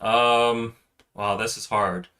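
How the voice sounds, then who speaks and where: A man's voice: fairly low pitch, flat delivery, takes it slowly, pushed and bright, clean tone. A man co-hosting a casual entertainment news chat, thinking aloud with fillers and restarts. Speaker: co-host.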